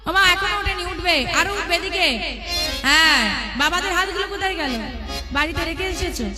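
A woman's voice: very high-pitched, brisk, loud music behind the voice. A woman kirtan singer leading a large crowd, teasing and coaxing them between sung chants. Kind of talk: devotional kirtan with crowd talk. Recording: loud tabla and instruments behind.

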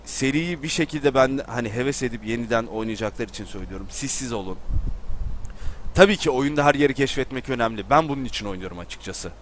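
An excitable man talks through his game, bursting into yells and jokes. His voice swoops up and down in pitch, with faint noise behind him. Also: fast talker. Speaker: gameplay commentator. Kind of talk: casual gameplay commentary.

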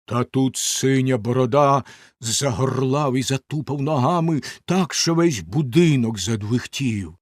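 A man reading a fairy tale aloud as a storyteller, in an expressive, dramatic style. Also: mid-range voice, a little slow, no room sound, clean studio sound. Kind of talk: scripted fairy-tale narration.

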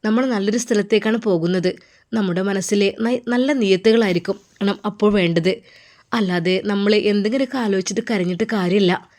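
A woman's voice: mid-range voice, a little fast, close to an everyday voice. Woman voicing a motherly, coaxing wife. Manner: warm, coaxing, firm. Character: kind older wife, insistent and motherly.

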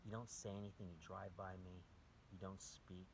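A man in an angry monologue to camera, ranting and accusing, his voice swinging between shouting and low muttering, often swearing. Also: flat delivery, moderate pace, gravelly. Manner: profane, accusatory.

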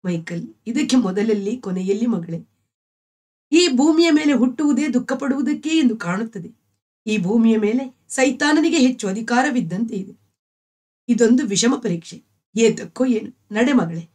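A woman's voice: fairly high pitch, expressive, moderate pace, darkish tone. Devout old grandfather, kind and consoling, read by a woman storyteller. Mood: sad, consoling. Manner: consoling, earnest.

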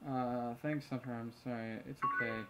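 A man's voice: mid-range voice, level tone, normal speed, loud music behind the voice, poor audio. A man casually commentating a chat game, reading messages aloud, muttering asides and swearing freely. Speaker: let's play host. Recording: loud keyboard typing behind. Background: keyboard clicks and typing.

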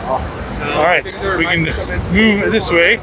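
A young man with a high voice speaks slowly as a booth guide for a card game company, giving an upbeat, promotional walking tour of the booth in a busy indoor convention hall. He uses many fillers while walking and talks into a handheld mic with a windscreen; the audio is dull, with loud crowd noise.

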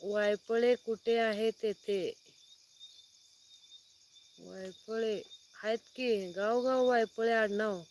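A woman's voice: fairly high pitch, fairly even intonation, takes it slowly, long pauses, a little mellow, slight background noise. A woman farmer from Sangli district, chatting on a phone live stream outdoors at night, reading out viewers' names and greeting each one. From Sangli district, Maharashtra. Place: outdoors at night, sitting under a light.

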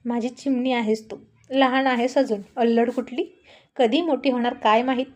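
A teasing, affectionate husband who jokes and coaxes his wife. A woman reads him in her own voice, pitched rather high with no deepening, so he sounds close to the narrator. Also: steady tone, normal speed, darkish tone, close to an everyday voice. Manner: playful teasing.

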